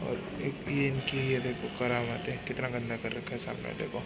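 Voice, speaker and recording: Male vlogger, monotone, loose chatty self-corrections, phone-recorded outdoors with heavy noise. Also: mid-range voice, moderate pace, vocal fry. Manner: rambling, self-correcting, chatty asides to viewers. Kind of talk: casual solo vlog chat. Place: apartment balcony in rainy weather. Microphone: phone camera. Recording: loud background noise.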